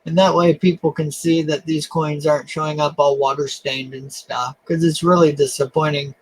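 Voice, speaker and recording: A man's voice: fairly high pitch, level tone, husky, rough recording. Self-deprecating man chatting on his coin stream. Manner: self-deprecating, halting with fillers. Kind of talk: casual live-stream chat. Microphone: webcam.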